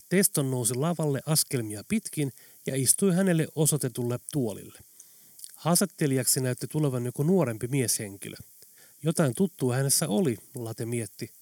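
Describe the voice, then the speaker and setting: A man narrating an audiobook in an even, steady storytelling voice. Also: medium pitch, no room sound. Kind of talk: scripted narration. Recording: dry close studio sound.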